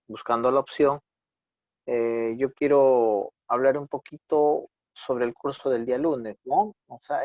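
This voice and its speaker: A man's voice: medium pitch, no echo. A male instructor with a Peruvian Spanish accent runs an online class, correcting his students' work with patience. His voice comes through a dull, dry computer microphone. He keeps checking in with the students as he talks. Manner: corrective, patient, repeats "¿no?" often. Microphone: computer mic on a video call. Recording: dull dry video-call audio.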